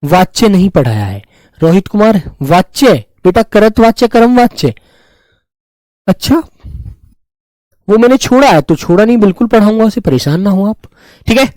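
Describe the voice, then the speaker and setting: Grammar teacher guy, high voice, keeps calling students kids, dry close sound, reads comments. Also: big pitch swings, normal speed, pauses often, a little mellow, no room sound, rough recording. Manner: addresses students fondly as children, repeats terms; reads and answers viewer comments. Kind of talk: online class lecture.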